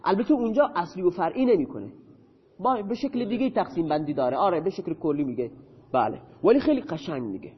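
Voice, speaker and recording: A man's voice: high voice, very animated, slightly rough, big-room sound, lo-fi sound. A male teacher explaining Arabic grammar in a lesson, asking questions and answering them himself.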